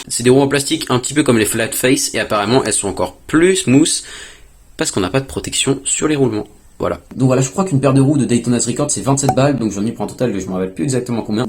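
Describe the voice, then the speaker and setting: A young man casually telling a story to his vlog audience, chatty, with quick asides to himself. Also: mid-range voice, a little mellow, a little hiss or hum. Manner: fast, chatty, self-talk asides. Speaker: fingerboard YouTuber.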